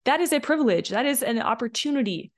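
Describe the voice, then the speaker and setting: A woman hosting a solo podcast as a coach, talking in a chatty, animated way and acting out short quoted lines. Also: sits high, fast talker.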